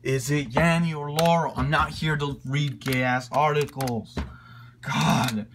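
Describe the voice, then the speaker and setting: A man's voice: medium pitch, steady tone, slow pace, noisy background. A man in a profane comedic rant, exasperated and mock-outraged, swearing often. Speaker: online video ranter.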